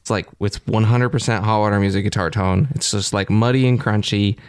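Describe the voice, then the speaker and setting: A man with a fairly low voice co-hosts a casual podcast conversation. He speaks eagerly and keeps reaching for the right words. His voice is dry and close to the mic. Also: steady tone, brisk, clean tone, no room sound. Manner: enthusiastic, searching for words. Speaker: podcast co-host. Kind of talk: casual chat.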